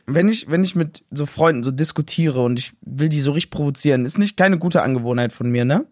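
A young man co-hosting a podcast in casual chat, slangy and excitable, acting out quotes. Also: fairly high pitch, a little fast, dry recording, studio quality. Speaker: podcast co-host.

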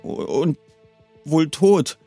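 A frightened teenage boy stammers through his words, pitched high and tight, as a man reading the story puts him on. Soft music sits faintly underneath. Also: animated, drawn-out words, vocal fry, heavily acted. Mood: timid. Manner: hesitant, stammering.

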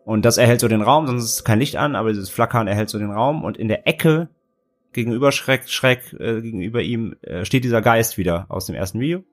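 A man's voice: mid-range voice, fairly quick. A man co-hosting a casual podcast, retelling events at length with frequent restarts. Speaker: podcast co-host. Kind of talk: casual chat.

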